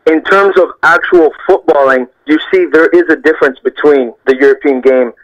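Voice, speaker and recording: In a reflective phone interview over a muffled line, an earnest young Canadian footballer speaks at a moderate pace in a fairly high voice. He repeats phrases for emphasis as he tells his story.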